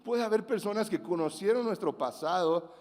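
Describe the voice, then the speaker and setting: A man preaches a sermon in a high, light voice. He talks conversationally and acts out the quotes with animation. The sound rings with the long reverb of a large hall. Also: moderate pace, darkish tone. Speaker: pastor.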